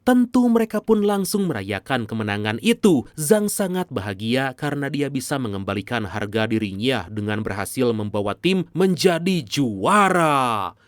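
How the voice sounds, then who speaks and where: Stuffy-nosed Indonesian man, animated recap narration. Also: medium pitch, normal speed, hardly any pauses, dry recording. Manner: informal, slangy, playful asides. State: slightly unwell with a blocked nose.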